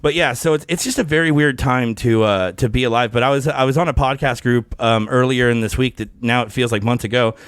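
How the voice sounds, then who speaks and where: A man's voice: medium pitch, fairly quick, few pauses, fairly bright tone, no echo. Casual, profane podcast guy, dry sound. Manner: rambling, profane, self-mocking. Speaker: podcast co-host. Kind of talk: casual chat.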